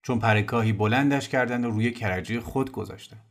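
A man narrating a novel in a calm, measured storytelling voice. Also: medium pitch.

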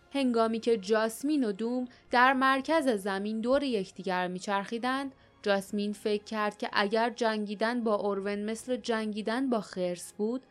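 Woman reading an audiobook over music. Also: medium pitch. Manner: steady, expressive storytelling. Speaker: audiobook narrator. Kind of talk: scripted narration.

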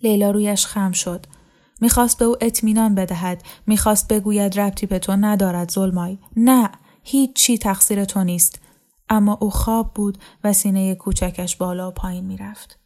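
A woman narrating a novel as an audiobook reader, in an even, unhurried storytelling manner. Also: mid-range voice.

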